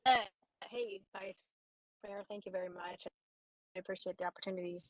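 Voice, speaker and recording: Woman council member, low and even delivery, calling in on a dry, breaking-up phone line. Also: no room sound. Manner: halting, choppy, short thanks. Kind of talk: public meeting remarks. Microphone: call-in over a bad connection.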